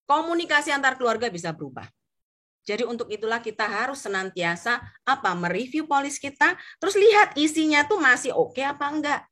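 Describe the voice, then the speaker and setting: A woman's voice: high voice, brisk. A middle-aged woman from Indonesia, an insurance agent telling anecdotes on a live stream, acting out the voices of the people in her stories. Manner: animated storytelling, acts out quoted voices. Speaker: insurance agent sharing experience.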